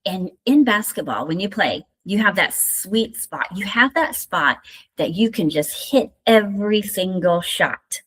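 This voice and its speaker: A woman's voice: mid-range voice, lively intonation, a little slow, a bit bright, slightly rough. A middle-aged woman with a Southern American accent, giving a recorded university lecture in a conversational way with many fillers and asides. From Indiana. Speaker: university instructor.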